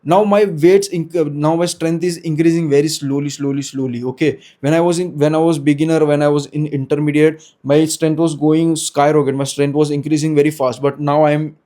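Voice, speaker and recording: Filmed in a small room, the twenty-something vlogger talks fitness without a script, his Indian English shaped by native Hindi. His mellow voice sits on the high side with little pitch movement, and he speaks briskly with hardly any pauses. Still, he hesitates often, breaking off and correcting himself.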